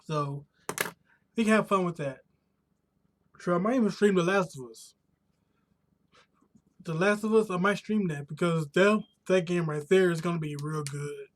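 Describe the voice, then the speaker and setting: Live streaming from his home room, a man from the United States chats casually at normal speed in a voice that sits high, with long pauses. He rambles, restarting and rephrasing often, and his voice is slightly worn from pollen allergies.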